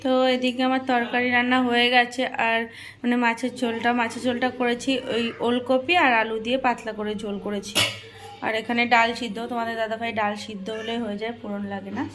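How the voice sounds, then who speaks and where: A woman's voice: on the high side, flat delivery, quick pace, fairly bright tone, a little hiss or hum. A woman from India chatting casually to her viewers in a home vlog from her kitchen, talking straight to them with plenty of "I mean.". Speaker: daily vlogger.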